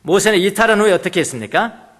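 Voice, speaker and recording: Emphatic male pastor with a lively voice. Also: high voice, quick pace. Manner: emphatic, repeats phrases, asks the congregation. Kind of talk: sermon. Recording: long church hall reverb.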